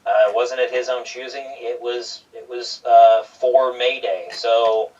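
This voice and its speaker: A man co-hosting casual wrestling talk, halting and repeating his words as he goes. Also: mid-range voice, steady tone, darkish tone. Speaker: wrestling show co-host. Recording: dull lo-fi sound, distant from mic.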